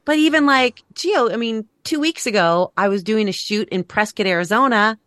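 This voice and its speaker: A woman's voice: on the high side, moderate pace, no room sound, clean studio sound. A woman co-hosting a podcast, telling chatty stories in casual chat. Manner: chatty, animated storyteller. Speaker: podcast co-host and author.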